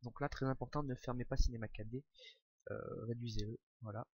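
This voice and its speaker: Hesitant young man explaining software. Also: mid-range voice, fairly quick, slightly rough, no room sound. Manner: hesitant, many "euh" fillers, relaxed and informal. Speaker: tutorial maker. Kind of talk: casual screen-recorded software tutorial.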